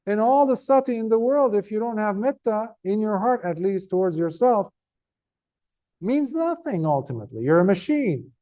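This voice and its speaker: A man, a Buddhist monk, giving an earnest, conversational Dhamma talk to a group, tired, with emphatic stresses and pauses. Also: sits high, animated, warm tone.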